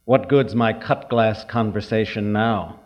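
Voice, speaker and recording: A poet giving a reading, heard through an old archival recording, unhurried and pausing with hesitant asides. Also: male voice, lowish voice. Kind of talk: poetry reading with remarks. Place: reading hall with an audience. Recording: dull lo-fi archival tape.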